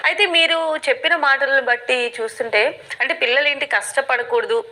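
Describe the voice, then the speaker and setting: A woman's voice: high voice, normal speed, pushed and bright. A woman interviewing a guest, attentive and affirming as she follows up.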